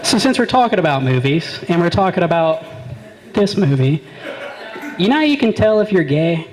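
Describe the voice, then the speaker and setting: This young comic works a crowd in a live comedy room, rambling brashly through his set and doing impressions of his friends. He speaks in a high, sing-song voice at a moderate pace, captured on a rough recording.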